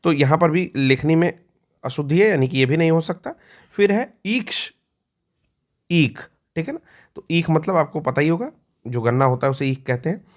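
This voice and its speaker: A male teacher giving an exam-prep lecture. He explains patiently, repeats key words slowly and often clears his throat. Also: a little high, animated.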